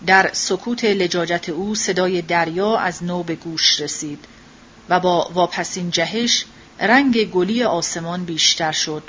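A woman narrating a literary novel as an audiobook in a measured, even way. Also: lowish voice, dull audio, slight background noise.

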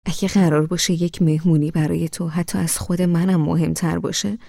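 A woman reading an audiobook, voicing a young husband who reasons with his wife in a soft, hushed voice. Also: on the low side, flat delivery, gravelly, no room sound, clean studio sound. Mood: reproachful. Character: patient young husband, calm and reproachful.

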